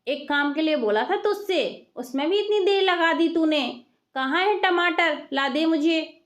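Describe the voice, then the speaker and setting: Scolding older mother-in-law for a told story, high and sharp-tongued, voiced by a woman storyteller. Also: lively intonation, a little slow. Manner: scolding, exasperated.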